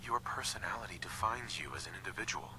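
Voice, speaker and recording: An actor voicing an earnest, encouraging hero character in a video game. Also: male voice, fairly low pitch, fast, sharp tone, a little hiss or hum, poor audio.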